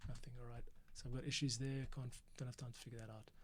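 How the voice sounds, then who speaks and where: Speaking quickly at a medium pitch, a man livestreams from his home studio while composing for an audio drama. He's relaxed, thinking aloud, explaining each step and correcting himself as he goes.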